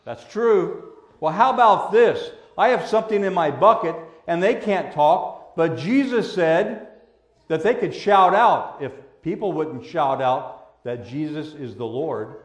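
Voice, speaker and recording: A man preaching a children's sermon as a pastor, gentle and patient like a Sunday school teacher, using simple words and questions. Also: on the high side, measured pace. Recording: echoey room.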